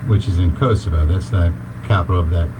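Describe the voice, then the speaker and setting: A man, a guest in an interview, telling a story in a relaxed, rambling way with many fillers. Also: sits low, fast talker. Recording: noisy background hiss.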